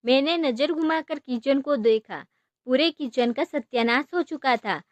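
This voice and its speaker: High-voiced woman telling a story. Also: animated, unhurried, no echo. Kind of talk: first-person story narration.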